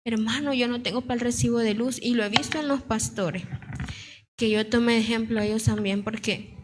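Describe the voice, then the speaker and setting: A young woman shares an earnest testimony in church, her pitch sitting a little high. Her throat is still sore and her story circles back on itself. A faint hiss stays behind her voice. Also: steady tone, a little fast. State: sore throat, slight cough. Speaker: church speaker giving a testimony. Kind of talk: testimony sermon to a congregation.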